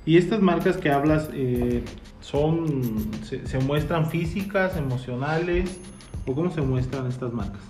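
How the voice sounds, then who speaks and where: A man's voice: on the high side, measured pace, a little mellow, faint music behind. Male host, curious questioner, roomy off-mic sound. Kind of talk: interview questions.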